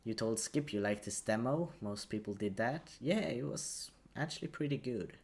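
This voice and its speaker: A man's voice: medium pitch, animated, moderate pace, darkish tone, breathy edge. A man giving casual video game commentary, hesitantly thinking aloud as he goes. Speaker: gaming commentator.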